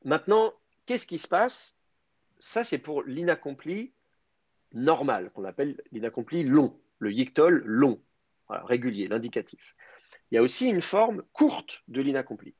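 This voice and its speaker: A man's voice: mid-range voice, very animated, measured pace, darkish tone, slightly rough, dry recording, lo-fi sound. A man teaching a Hebrew grammar class online, explaining step by step and thinking aloud with many hesitations.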